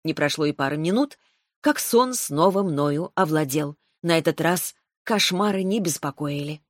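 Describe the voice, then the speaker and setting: A woman narrating a first-person fantasy audiobook in a wry, even storytelling manner. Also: deep voice, normal speed, no echo, studio quality.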